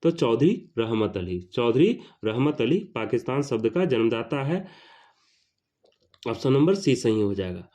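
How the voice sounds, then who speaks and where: With big pitch swings and a measured pace, a man teaches history for an exam. He calls each question number out higher and louder, reads the question, then says it again along with its answer.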